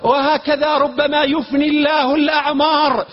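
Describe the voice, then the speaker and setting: A man preaching a sermon with passion, at times chanting and shouting. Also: extremely high pitch, flat delivery, normal speed. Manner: impassioned, with chanted and shouted passages. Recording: reverberant hall, dull lo-fi sound.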